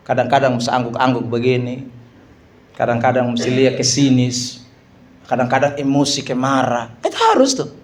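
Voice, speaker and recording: A man, a pastor teaching how to preach, animated and joking as he acts out examples. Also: a little high. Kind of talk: lively teaching talk to an audience. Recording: echoey room, faint background ambience.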